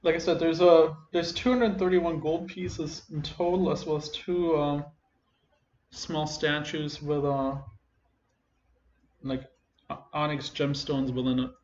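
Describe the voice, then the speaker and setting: A man runs a tabletop game, describing the scene in a relaxed, halting way full of pauses. His voice sits somewhat high for a man. The recording is roomy and dull, like low-fi online voice chat. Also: slight background noise. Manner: casual and halting, many fillers. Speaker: game master.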